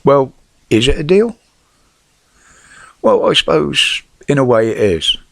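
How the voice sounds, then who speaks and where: A man's voice: mid-range voice, very animated, slow pace, creaky, fairly bright tone, no room sound. A middle-aged British man with a whistle on his s sounds from false teeth, giving blunt, sweary, casual opinions on the news. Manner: blunt, sweary, rhetorical questions.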